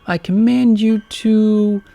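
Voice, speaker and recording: A man doing a squeaky excitable little boy. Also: slow, gravelly, faint music behind, heavily acted. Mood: excited. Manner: excited, silly.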